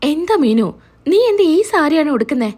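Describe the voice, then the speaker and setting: A woman's voice: high voice, very animated, moderate pace, warm tone. A woman reading the lines of a worried middle-aged family man, reassuring and a little scolding.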